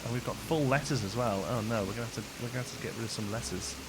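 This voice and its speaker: Over game music and heavy background noise, a man with a deep voice talks rapid-fire during a casual live gameplay stream, thanking viewers and reading out the notes attached to their gifts.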